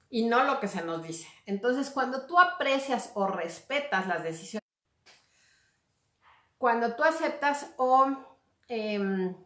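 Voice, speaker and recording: A woman's voice: a little high, fairly bright tone. A woman gives a casual talk as a communication coach, speaking conversationally and checking in with little tag questions. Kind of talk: casual lecture to viewers. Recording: roomy echo.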